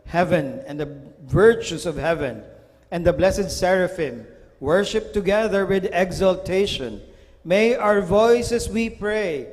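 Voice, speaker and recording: A man serving as priest, reciting liturgical prayers solemnly and in measured phrases, heard in a cathedral echo. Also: high voice. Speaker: priest celebrating Mass. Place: large church. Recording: long church reverb.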